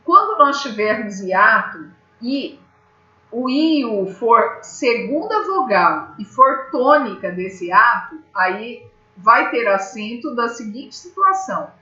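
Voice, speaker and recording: A woman's voice: on the high side, very animated, slow, sharp tone. A woman teacher from Brazil giving a grammar lesson, patiently explaining step by step and checking in with her students. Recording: echoey room, slightly dull sound.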